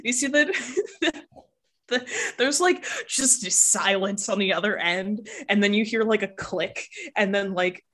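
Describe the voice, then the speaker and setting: A woman's voice: mid-range voice, a little slow, a bit bright. A woman narrating a tabletop game as game master, hesitant with many fillers.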